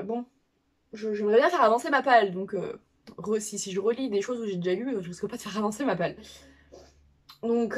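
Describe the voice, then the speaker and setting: A woman book vlogger chatting casually to her viewers, hesitant and full of fillers and restarts. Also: fairly high pitch.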